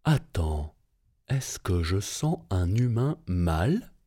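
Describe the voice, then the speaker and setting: A man voicing a grumpy giant who hates humans, in a gruff, low growl for a storybook reading. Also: big pitch swings, slow, mellow, exaggerated voice.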